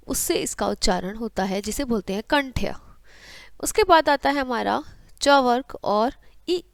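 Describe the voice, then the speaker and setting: A woman's voice: high-pitched, fairly bright tone, no echo, clean studio sound. A young adult woman, teaching a grammar lesson to schoolchildren, calling them beta and reciting the letters aloud in drills. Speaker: Hindi teacher.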